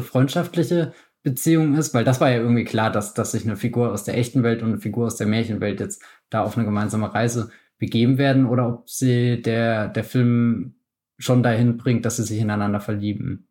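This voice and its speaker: A man's voice: medium pitch, dark tone. A man co-hosting a podcast, musing at length about a film with frequent laughs and restarts. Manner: thoughtful, rambling, laughs often. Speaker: podcast co-host. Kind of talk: casual film discussion.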